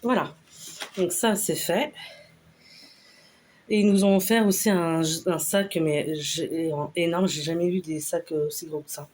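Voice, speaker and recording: A woman casually talking through a shopping haul, unhurried and hesitant with lots of fillers. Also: fairly low pitch, fairly even intonation, darkish tone, a little hiss or hum. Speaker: vlogger showing a store haul. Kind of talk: casual haul video chat.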